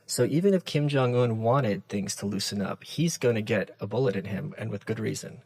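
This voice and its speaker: Animated storytelling man on a dry mic. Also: lowish voice, moderate pace, dry recording, poor audio. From Soviet Union. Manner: animated storyteller who acts out quoted dialogue. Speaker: podcast guest. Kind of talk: casual podcast conversation.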